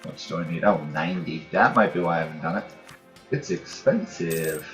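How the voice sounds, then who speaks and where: Speaking fairly quickly in a voice that sits low, a man hosting a gaming channel provides casual let's-play commentary on a strategy game, thinking aloud as he plays. Game music plays in the background of a dull, roomy home recording.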